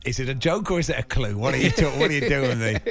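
Casual male contestant, mid-pitched. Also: animated, fast, music in the background. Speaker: quiz contestant. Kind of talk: casual radio chat.

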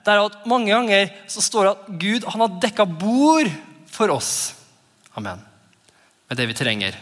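A lively male pastor in his thirties preaches in a high, swooping voice that rises and falls constantly. He laughs often and slips into playful voices for his children. His words ring out with a long church-hall reverb. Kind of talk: sermon.

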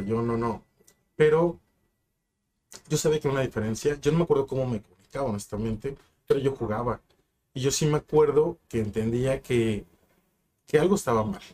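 A man's voice: medium pitch, mellow. A young man, a sign language interpreter speaking as a guest on a casual podcast, telling stories reflectively with many asides. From Mexico. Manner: reflective storyteller, drops in asides and fillers.

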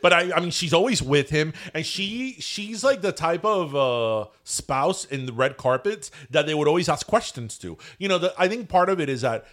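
With a fairly high voice, normal speed and few pauses, a Cuban American podcast co-host keeps the casual chat animated. He switches into Spanish phrases mid-English.

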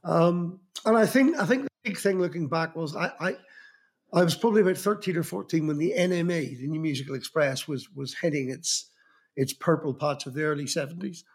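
Slightly rough and a little high, this Belfast-accented voice belongs to a fiftysomething magazine journalist from Northern Ireland. Speaking fairly quickly as an interview guest, he reflects on his start in music journalism in a rambling, anecdotal way with many restarts.

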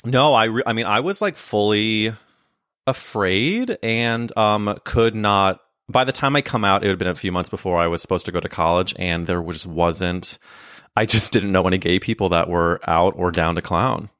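A man's voice: sits low, normal speed, fairly bright tone, dry recording, studio quality. A man from St. Louis, Missouri, chatting casually with a wry, joking manner. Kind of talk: casual chat.

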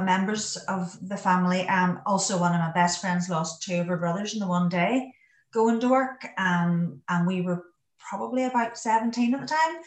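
A woman with a west of Ireland, Donegal accent, chatting plainly and with some self-deprecation as an interview guest. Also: mid-range voice. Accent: Donegal Irish, west of Ireland. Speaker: podcast guest, farm safety charity worker. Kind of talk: casual interview talk. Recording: roomy echo, distant from the mic.

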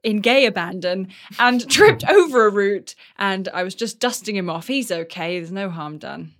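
A woman playing a tabletop game in character, chatty and quick to laugh. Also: medium pitch, animated, a bit bright. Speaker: player. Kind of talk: in-character tabletop role-play.

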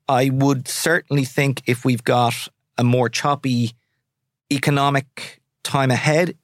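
A man's voice: mid-range voice, no room sound, studio quality. A man in his forties with a west of Ireland accent, answering interview questions in a candid, colloquial, conversational way. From Sligo, west of Ireland. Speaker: solicitor, interview guest.

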